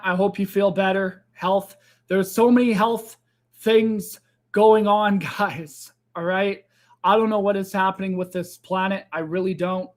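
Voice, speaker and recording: Hosting a crypto live trading stream, a man with a high, slightly bright voice talks loosely and chats straight to his viewers, calling them "guys" and "fam."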